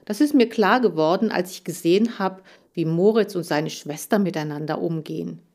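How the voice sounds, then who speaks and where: A woman voicing an affectionate young schoolgirl who speaks warmly and earnestly. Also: fairly low pitch, moderate pace. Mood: heartfelt. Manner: warm, heartfelt. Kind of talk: audiobook character voice.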